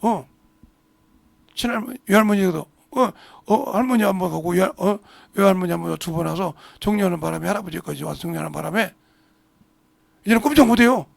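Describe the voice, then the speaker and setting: A middle-aged male pastor delivering an animated sermon in church and acting out family dialogue in several voices. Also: high-pitched, a little fast, gravelly, dry recording. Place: church sanctuary.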